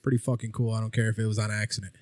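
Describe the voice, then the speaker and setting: A man's voice: lowish voice, flat delivery, racing, no echo. Young guy shooting the breeze on a podcast, cussing a lot, dry close mic. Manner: laid-back, swears freely. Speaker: podcast co-host. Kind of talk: casual chat over drinks.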